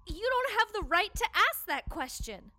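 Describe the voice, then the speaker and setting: A woman's voice: very high voice, big pitch swings, moderate pace, soft background music, exaggerated voice. A woman voicing a young boy in an audio drama, earnest and scared but standing up for himself. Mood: defiant. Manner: earnest, rises to frightened yelling.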